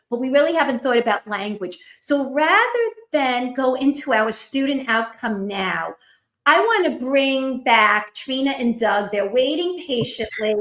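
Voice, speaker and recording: This is a woman co-hosting a conversational podcast. Her voice is high and she takes her time, setting out each phrase deliberately. The sound is roomy and echoing. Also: a bit bright. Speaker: podcast co-host.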